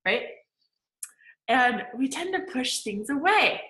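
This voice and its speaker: A woman in her forties teaching a live class as a manifesting coach, chatty, laughing often and acting out quotes with big jumps in pitch. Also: sing-song, slow pace, sharp tone, reverberant, poor audio. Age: 40s. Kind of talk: live-streamed class talk.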